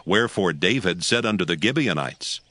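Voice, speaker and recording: Expressive male scripture narrator. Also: deep voice, no room sound. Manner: measured, expressive storytelling. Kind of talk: dramatized scripture reading. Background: background music.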